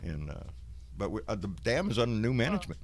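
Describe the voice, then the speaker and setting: Southern guy w a folksy drawl, low voice, hosting a laid back livestream, cusses some. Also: sing-song, fast. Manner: salty, profane. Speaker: host of a live online show. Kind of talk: casual livestream chat.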